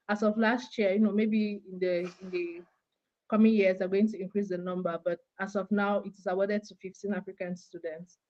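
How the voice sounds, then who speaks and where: A young graduate student from Cameroon is an interview guest on a call, explaining things clearly and steadily. Her voice is warm and medium in pitch, though the audio sounds dull.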